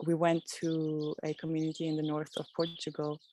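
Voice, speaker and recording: A woman from Switzerland, a podcast guest speaking outdoors in a reflective, halting way. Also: deep voice, completely flat delivery, slight background noise. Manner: soft, reflective, halting with restarts. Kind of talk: casual interview chat. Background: birdsong.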